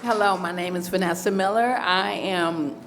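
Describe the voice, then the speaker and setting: A woman's voice: fairly low pitch, normal speed, a bit bright, a little hiss or hum. A woman from Ohio, a novelist, speaking earnestly and confidently about her book on a festival panel. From Ohio, USA. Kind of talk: panel talk.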